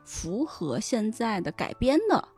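A woman guest on a casual podcast discusses novels and their adaptations, explaining things and often rephrasing her points while background music plays under her voice. She speaks a little slowly in a sing-song way, with a fairly high, darkish, husky voice.

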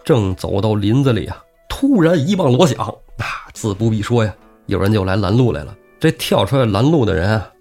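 A man co-hosting a podcast, retelling a classic novel in a lively, colloquial way. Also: on the low side, a little fast, faint music behind. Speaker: podcast co-host.

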